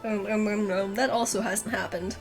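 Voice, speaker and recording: Chatty twenties woman with vocal fry. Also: medium pitch, steady tone, normal speed, soft background music. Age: 20s. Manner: chatty, self-mocking, laughs often, swears. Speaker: streamer. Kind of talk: casual chat while gaming.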